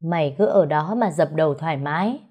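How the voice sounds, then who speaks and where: A woman voicing a domineering older mother-in-law who scolds and shouts with scorn. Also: low-pitched, lively intonation, a little fast, breathy edge. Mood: cold.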